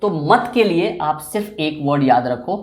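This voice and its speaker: A man's voice: on the high side, lively intonation, moderate pace. Male English tutor, patient and repetitive, explaining grammar at a board, recorded with room echo. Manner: patient, repeats and drills example phrases. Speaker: English teacher. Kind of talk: explanatory classroom lesson. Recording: echoey room.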